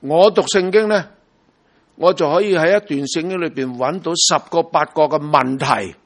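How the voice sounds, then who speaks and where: A man's voice: a little high, normal speed. A man from Hong Kong preaching a sermon in a Hong Kong Cantonese accent. He talks emphatically and keeps asking the congregation rhetorical questions.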